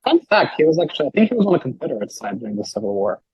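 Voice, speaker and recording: A man talking as a podcast guest, rambling and animated, with lots of filler words and a husky voice. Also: fairly high pitch, rapid-fire, dry recording, lo-fi sound. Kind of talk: casual podcast chat.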